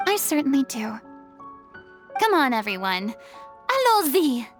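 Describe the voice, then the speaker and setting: A proud, flamboyant young lady from a video game, very high and swooping in pitch. She is grandiloquent and theatrical, tossing in bits of French as though always on stage. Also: very animated, unhurried, faint music behind. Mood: confident, theatrical. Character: theatrical, proud former archon, dramatic young woman.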